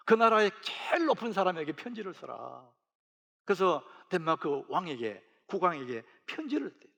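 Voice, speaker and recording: A middle-aged senior pastor preaching a sermon, telling a story with rising emphasis. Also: male voice, fairly high pitch, gravelly, a bit bright.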